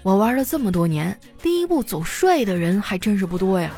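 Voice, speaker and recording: A woman's voice: mid-range voice, very animated, fairly quick, warm tone, faint music behind. A woman voicing a flustered elderly man who strains as he speaks. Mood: teasing. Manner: strained, pleading.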